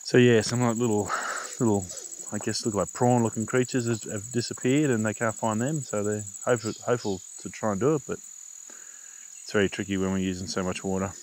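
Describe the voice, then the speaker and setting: Low-voiced Australian man vlogging casually. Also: fairly even intonation, a little fast, a little mellow, rough recording. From rural Australia. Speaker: vlogger, father out with his young child. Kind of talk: casual outdoor vlog chat. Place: outdoors on a bush trail. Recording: faint outdoor noise, insects.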